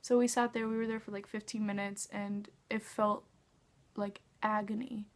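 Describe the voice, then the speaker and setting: A teenage girl excitedly retelling a fan encounter in a vlog, acting out the quoted lines. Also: medium pitch, moderate pace. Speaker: vlogger. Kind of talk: storytime vlog.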